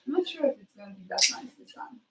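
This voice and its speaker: A woman chatting casually to her live stream while she cooks, thinking aloud in a halting way and trailing off. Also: high voice, animated. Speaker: streamer hosting a live cooking chat. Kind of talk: casual chat while cooking. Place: kitchen, next to the sink. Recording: noisy kitchen with clicks. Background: cooking noises and clicks.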